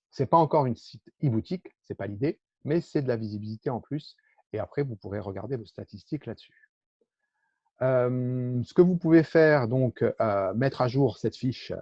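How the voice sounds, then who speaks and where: A man from France gives an online workshop, talking through his screen share with many pauses and fillers. His voice is dark and a little husky. The sound is dry and dull, as from a computer mic on a video call. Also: medium pitch, dry recording. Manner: explanatory, hesitant with many fillers. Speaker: workshop presenter.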